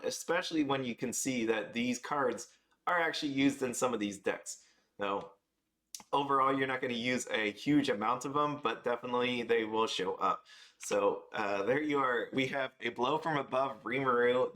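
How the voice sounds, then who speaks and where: A man's voice: medium pitch, a bit bright. A man hosting a casual card game video, talking loosely with many fillers, tired after waking very early. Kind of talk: casual spoken price review.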